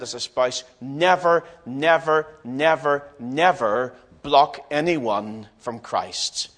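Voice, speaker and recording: A man's voice: mid-range voice, fairly bright tone. A man preaching a sermon in a dramatic, emphatic way, repeating phrases for stress and speaking to his listeners directly.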